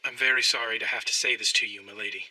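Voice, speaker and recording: A formal, subdued instructor. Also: male voice, lowish voice, steady tone, fast talker, pushed and bright, no echo, recorded from a distance, poor audio. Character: reserved loyal male instructor. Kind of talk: anime English dub.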